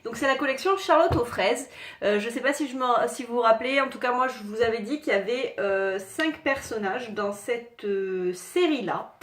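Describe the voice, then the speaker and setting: A woman chatting casually to viewers while showing her collectible figurines, in a halting way with many fillers. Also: a little high, expressive, fairly bright tone. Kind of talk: casual unboxing chat. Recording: echoey room, faint noise.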